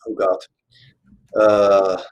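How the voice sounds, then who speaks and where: In a casual online panel, an Austrian man whose first language is German explains a psychology topic in an Austrian German accent, hesitating often, searching for words and checking his notes. His deep voice is smooth and monotone, and the recording sounds muffled.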